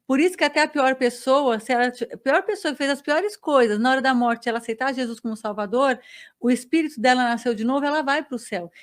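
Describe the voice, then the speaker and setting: A woman telling her faith testimony as a podcast guest, a lively storyteller who acts out dialogue. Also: high-pitched. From Brazil.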